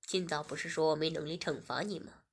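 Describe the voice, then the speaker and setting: A woman voicing a smug, teasing young man, reading him in a lowered, breathy voice. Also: fairly even intonation, fairly quick.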